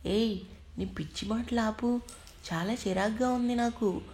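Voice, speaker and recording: A woman's voice: a little high, measured pace, a little mellow. A woman voicing a short-tempered young male boss who scolds curtly. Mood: irritated.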